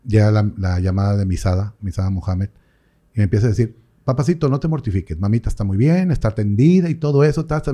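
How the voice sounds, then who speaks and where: A man's voice: on the low side, dark tone. A priest telling a personal story in an interview, with strong feeling and his voice sometimes rising. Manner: talks with feeling, voice rising and breaking at moments, quoting others.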